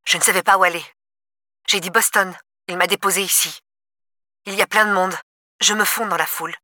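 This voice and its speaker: A woman reading as a flat, curt runaway sister. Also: mid-range voice, a little fast, no room sound, clean studio sound, natural voice. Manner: monotone, curt. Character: flat-voiced adult woman, an ex-convict sister on the run. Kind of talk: audiobook character voice.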